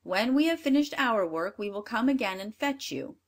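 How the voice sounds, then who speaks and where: A woman voicing a harsh, scornful stepmother in a storybook reading, sharp and commanding. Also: fairly high pitch, expressive, moderate pace. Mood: scolding. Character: harsh scolding stepmother, middle-aged woman.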